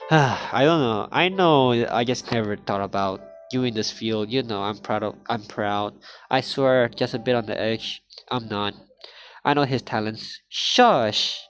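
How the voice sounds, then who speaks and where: A man's voice: mid-range voice, unhurried, soft background music. A man reading a visual novel's dialogue and news scenes aloud in a playthrough, stiffly, with frequent stumbles and restarts. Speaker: gaming channel host.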